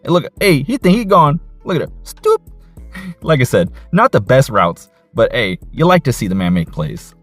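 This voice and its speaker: A man breaking down football game film, excited and casual, with slang and repeated catchphrases. His voice sits at a middle pitch. The recording is dry and close, with faint music in the background. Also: normal speed, breathy edge, no echo. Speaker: football coach and film analyst.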